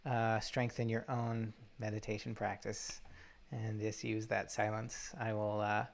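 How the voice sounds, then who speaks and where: A man leading a guided meditation from a laptop or phone while traveling, talking haltingly with many fillers and restarts. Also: fairly low pitch, level tone, gravelly. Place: undisclosed spot while traveling. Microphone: laptop or phone mic.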